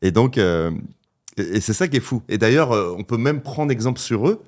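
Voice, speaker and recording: A man's voice: mid-range voice, lively intonation, a little fast. A man co-hosting a casual podcast conversation, agreeable and hesitant, full of fillers and repeated words. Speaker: podcast co-host.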